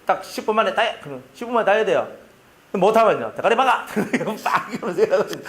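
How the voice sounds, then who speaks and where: A male pastor with a Gyeongsang Korean accent preaching a sermon, telling stories in an animated way and using lots of sound effects. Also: sits high, fast.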